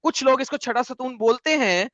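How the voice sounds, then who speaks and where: A man hosting an online debate, lecturing forcefully and dropping English phrases into his speech. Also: very high voice, expressive, normal speed, muffled recording. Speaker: debate host.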